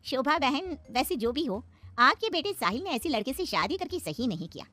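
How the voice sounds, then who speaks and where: A woman voicing a sly, gossiping middle-aged neighbor in an animated story. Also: sits high, fairly quick. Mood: gossipy.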